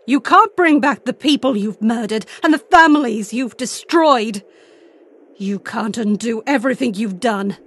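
An actress in an audio drama playing a young princess, wounded, bitter and defiant, with an indignant, emphatic delivery. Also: female voice, a little high, slightly rough. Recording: music behind the voice.

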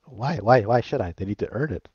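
A man's voice: medium pitch, animated, a little fast, a little mellow, breathy edge, dry recording, lo-fi sound. A man in casual argumentative chat, blunt, crude and dismissive, often repeating himself.

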